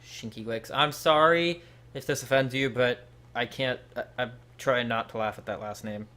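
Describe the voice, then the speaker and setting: A man's voice: mid-range voice, fairly even intonation, moderate pace, sharp tone. A young man hosting a live stream, chatting casually and talking straight to viewers by name.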